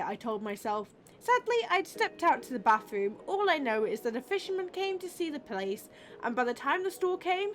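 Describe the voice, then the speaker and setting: A woman's voice: fairly high pitch, fairly bright tone, slight background noise. A woman voicing a chatty, rambling small-town tourism officer in a game.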